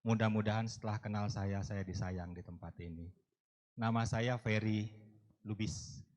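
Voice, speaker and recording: A man's voice: on the low side, fairly even intonation, moderate pace, darkish tone. A middle-aged man from North Sumatra, giving a friendly, joking talk to a church group. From North Sumatra, Indonesia. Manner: chatty, self-joking, with fillers. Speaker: guest speaker. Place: church hall. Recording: long reverb in a hall.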